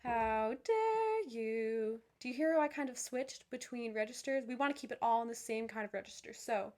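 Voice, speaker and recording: A young woman who leads viewers through vocal warm-ups, encouraging and upbeat, with many fillers and restarts. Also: a little high, quick pace, a little hiss or hum. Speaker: voice teacher. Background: piano.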